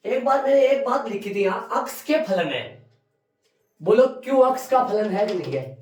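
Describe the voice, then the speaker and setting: A high-pitched male teacher talks through a maths problem, repeating each step and firing questions at his class. He is caught by a distant mic in an echoey classroom. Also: a little mellow. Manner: repeats steps slowly, quizzing students. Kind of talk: classroom lesson at a board.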